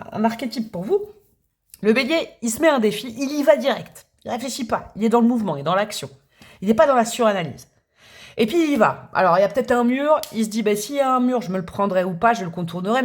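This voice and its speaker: A woman doing a tarot reading for the viewer, chatty and thinking aloud, with restarts and little hummed sounds. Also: mid-range voice. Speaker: tarot reader.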